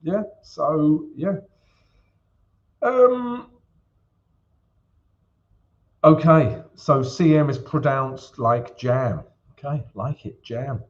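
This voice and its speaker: A man hosts a live forex trading stream, walking through charts and chatting casually, peppering lines with "yeah?" and "guys" as he checks in with viewers. His voice is on the high side and expressive, he takes it slowly, and the livestream audio is slightly dull.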